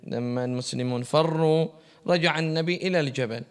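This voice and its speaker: A man's voice: a little high, fairly quick, clean tone. A man giving a religious lesson, asking his class questions and answering them himself. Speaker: religious teacher.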